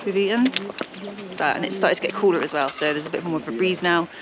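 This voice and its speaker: A woman's voice: on the low side, quick pace, noisy background. A young woman vlogging to a handheld camera on a mountain trail, tired and short of breath, chatty and encouraging herself along. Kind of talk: casual vlog talk to camera while hiking.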